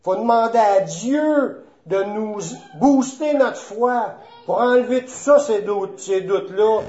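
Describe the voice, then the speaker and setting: A male preacher with a Quebec French accent, his voice pitched high for a man and unhurried. He hammers his key phrases through repetition. The sound is roomy and a little dull. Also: mellow. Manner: emphatic, repeats key phrases. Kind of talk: sermon.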